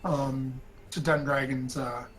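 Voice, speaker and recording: A man running a tabletop game as game master, narrating in a halting way with many fillers and restarts. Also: mid-range voice, fairly even intonation, fairly bright tone, soft background music, low-quality recording.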